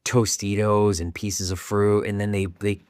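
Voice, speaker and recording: A man's voice: fairly low pitch, level tone, unhurried, darkish tone, clean tone, dry recording, clean studio sound. A young man co-hosting a casual podcast, rambling with restarts and casual swearing. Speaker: podcast co-host. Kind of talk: casual chat.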